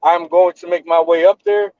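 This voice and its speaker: A man in his thirties hosts a podcast over a remote call, earnest and prone to repeating himself as he builds a point. His voice sits a little high. The audio is dull and dry. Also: little pitch movement, moderate pace, clear, resonant tone, dry recording. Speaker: podcast host and event organizer. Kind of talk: casual chat.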